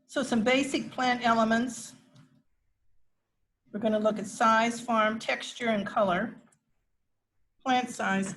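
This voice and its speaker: Speaking slowly with long pauses, a middle-aged woman with a slightly high, steady, fairly bright voice teaches a gardening class before a live audience. The low-quality recording carries slight background noise, and her informal lecture is full of asides and restarts.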